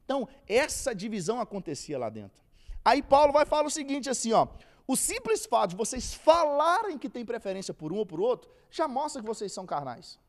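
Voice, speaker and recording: A man's voice: very high voice, big pitch swings, fairly quick. A man with a Brazilian accent teaching a casual church Bible lesson, acting out quoted speech in everyday slang. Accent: Brazilian Portuguese. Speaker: theology teacher.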